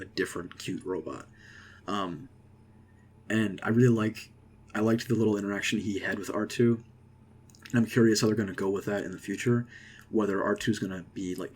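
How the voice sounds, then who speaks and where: Rambling young man, husky low voice. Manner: rambling and excited, many fillers and restarts. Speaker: vlogger. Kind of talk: casual movie reaction monologue.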